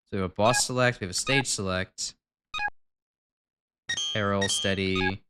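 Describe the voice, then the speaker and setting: This gaming streamer has a low, fairly even, slightly slow voice that sounds very noisy and congested. He rambles through casual gameplay commentary, correcting himself, restarting, and using lots of fillers, with game music in the background.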